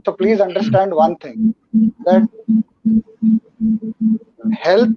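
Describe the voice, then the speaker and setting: A man's voice: sits high, slow pace, dull audio. A man on an online panel, making his point emphatically in a lecturing way.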